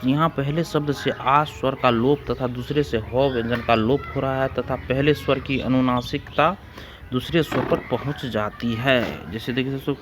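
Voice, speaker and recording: Man, teacher, exam-prep grammar lesson, repeats each rule, mid pitch, faint background noise. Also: a bit bright. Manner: repeats rules and examples, addresses listeners as friends.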